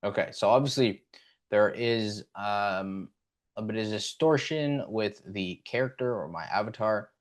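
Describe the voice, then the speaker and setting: A man hosting a casual software tutorial. He talks in a relaxed way and uses plenty of "um"s. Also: lowish voice, unhurried. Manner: relaxed, with frequent fillers. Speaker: tutorial host. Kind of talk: casual screen-recording tutorial.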